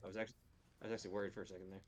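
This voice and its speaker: Low-voiced man playing a tabletop game. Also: level tone, very fast, a little mellow. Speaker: player. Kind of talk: casual tabletop game chat.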